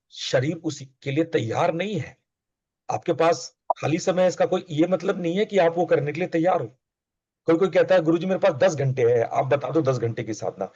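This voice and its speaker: A man's voice: a little high, darkish tone, no room sound. Man giving a spiritual talk, dull sound. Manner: conversational, coaxing, repeats phrases for emphasis. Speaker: spiritual teacher. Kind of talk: spiritual discourse.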